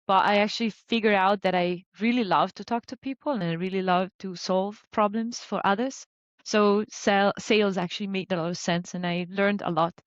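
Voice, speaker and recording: A woman's voice: mid-range voice, fairly even intonation, normal speed, no room sound, lo-fi sound. Chatty woman coach from Italy. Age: 30s. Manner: chatty, many "like" fillers. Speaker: guest, business coach. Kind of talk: conversational interview.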